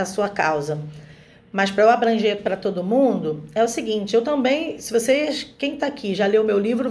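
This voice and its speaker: A middle-aged woman talking casually to an online group as guest speaker, lively, often acting out quoted family dialogue in other voices. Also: fairly high pitch.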